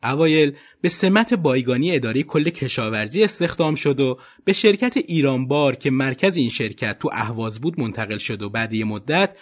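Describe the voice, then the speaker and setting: A man narrating a documentary podcast episode in an expressive storytelling manner. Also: medium pitch, hardly any pauses.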